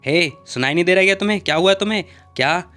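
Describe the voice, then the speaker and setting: A man voicing a bossy teenage younger sister who nags and shouts at her older sibling. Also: sits high, quick pace, soft background music. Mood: scolding. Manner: shouting, nagging.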